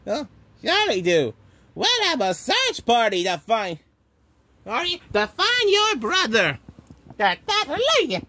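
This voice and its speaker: A woman voicing a cheerful tomato character who leads his friends in a fan-made puppet show, talking haltingly with many restarts. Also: on the high side, huge pitch swings, pushed and bright, exaggerated voice. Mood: bossy.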